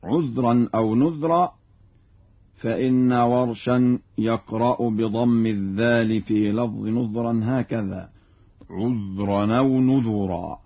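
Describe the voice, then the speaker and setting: A man's voice: mid-range voice, fairly even intonation, husky. Man explaining and chanting recitation, lo-fi. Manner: measured spoken explanation alternating with slow melodic chanting. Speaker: Quran recitation teacher.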